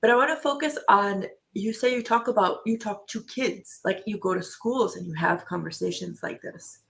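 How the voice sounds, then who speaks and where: A woman's voice: mid-range voice, moderate pace, creaky, fairly bright tone. A woman hosting a podcast interview frames her questions carefully. She adds her own opinion as she asks. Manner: thoughtful, qualifies her points. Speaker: podcast host.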